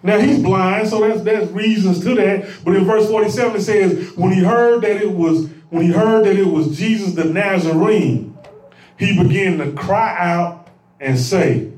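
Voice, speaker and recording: A man preaching a sermon as pastor, with a rising call-and-response cadence that swells into shouts. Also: sits high, measured pace, reverberant, far from the mic.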